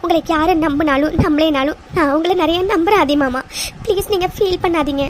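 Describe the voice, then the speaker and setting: A gentle young wife from a cartoon serial, pleading through tears with a very high, thin voice. Her words come soft and respectful, always close to crying. A faint hiss sits under the recording. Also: brisk. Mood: tearful.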